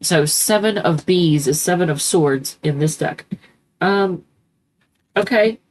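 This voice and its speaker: A woman with a lowish, slightly mellow voice does a casual tarot reading, sounding congested from a cold. She speaks slowly, rambling and chatting, correcting herself with many ums, on a low-quality recording.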